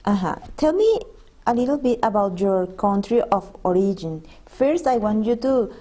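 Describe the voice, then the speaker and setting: Woman from venezuela asking questions in english, spanish first language, soft mellow voice, kinda halting. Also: medium pitch, sing-song. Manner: hesitant, halting questions with restarts. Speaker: interviewer. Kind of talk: unscripted interview questions.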